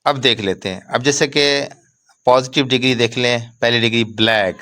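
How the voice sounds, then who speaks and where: A man teaching English grammar in a lecture, speaking slowly and deliberately and spelling out letters and reading rules word by word. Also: mid-range voice, fairly even intonation, pushed and bright.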